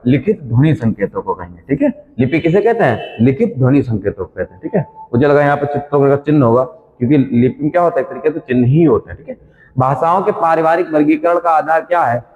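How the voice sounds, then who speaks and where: A man's voice: a little high, expressive, quick pace. A male coaching teacher running a quiz-style exam revision lesson, reading each question and its options aloud, repeating them, then giving the answer. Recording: dull sound with long reverb.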